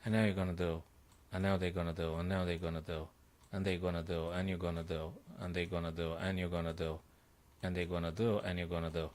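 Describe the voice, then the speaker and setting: A chess coach solves puzzles live on stream, talking fast in a low-sitting voice. He thinks out loud, repeats himself, and breaks into excited exclamations.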